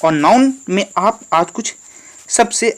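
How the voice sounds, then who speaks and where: A man's voice: high voice, animated, slow pace. Man teaching grammar, repeating every point. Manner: asks questions and answers them himself, repeating key points. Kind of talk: online classroom lesson.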